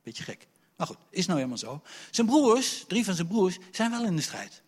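A man preaching a sermon, telling the story in a lively, colloquial way. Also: high-pitched, moderate pace, husky, long reverb tail. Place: church.

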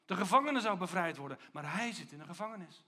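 High-voiced man preaching with emphasis. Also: animated, quick pace, sharp tone. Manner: emphatic, rhetorical questions. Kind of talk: sermon.

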